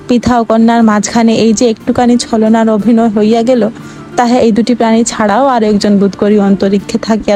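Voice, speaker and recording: A woman narrating a classic short story as an audiobook, in a measured, expressive reading. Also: a little high.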